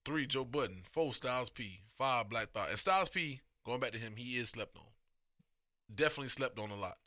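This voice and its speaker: A man co-hosting a podcast, talking in loose, profane, animated banter while he has the hiccups. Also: mid-range voice, a little fast, no room sound, clean studio sound. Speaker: podcast co-host. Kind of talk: casual chat.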